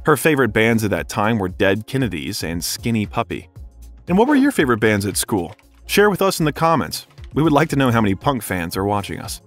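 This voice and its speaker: A man narrating a scripted biography documentary, reading smoothly with a steady, even delivery. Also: on the low side, fairly quick, soft background music.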